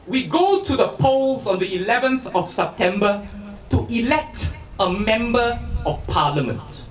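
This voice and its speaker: A man giving an urgent activist speech at a political rally, emphatic and deliberate, pausing for effect. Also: high voice, big pitch swings, roomy sound, recorded from a distance. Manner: emphatic, deliberate public oratory with pauses for effect and rhetorical questions. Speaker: rally speaker, lawyer campaigning for a candidate.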